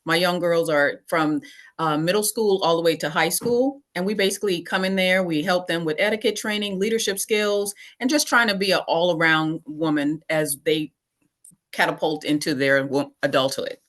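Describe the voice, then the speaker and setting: A woman from the Bahamas, a podcast guest explaining things in a relaxed, matter-of-fact way. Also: fairly low pitch, moderate pace. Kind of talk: casual interview.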